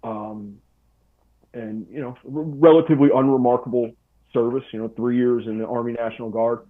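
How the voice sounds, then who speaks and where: A podcast guest in his forties tells a story in a laid-back, slangy way, full of "dude" and "bro." His mid-range voice has fairly even intonation at normal speed, coming through a tinny, phone-like line.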